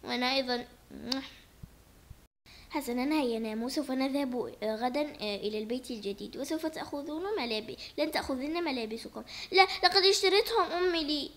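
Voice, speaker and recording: Weary widowed dad for a toy doll play, low and hushed, pleading, put on by a woman. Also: a little fast. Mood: tired. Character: strict, weary widowed father, middle-aged man.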